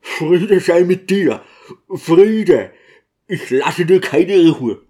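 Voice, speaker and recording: A man's voice: high-pitched, expressive, very slow, pitched above the performer's own voice, full character voice. A man voicing a trembling grieving deacon. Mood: imploring. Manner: pleading, hushed and trembling. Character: grieving devout male deacon at a coffin.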